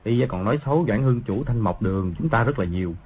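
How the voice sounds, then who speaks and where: A man voicing a cunning young schemer in an audiobook, plotting in a low, husky voice. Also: animated, fast. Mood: scheming. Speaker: audiobook voice actor. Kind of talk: audiobook dialogue reading. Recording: dull lo-fi audio.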